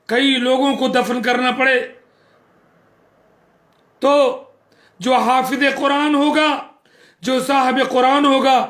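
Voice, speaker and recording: A man's voice: very high voice, pushed and bright. A man preaching a sermon, earnest and scolding, repeating phrases for emphasis.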